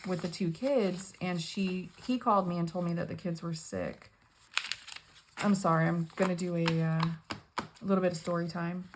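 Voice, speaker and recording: An older woman talks slowly to her viewers in a casual vlog, stopping often with ums and pauses. Her voice is low and gravelly, with a flat, even pitch. She sounds close to tears. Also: slight background noise. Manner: halting, with many ums and pauses. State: tearful, on the edge of crying. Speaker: budgeting channel host. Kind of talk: casual personal vlog talk.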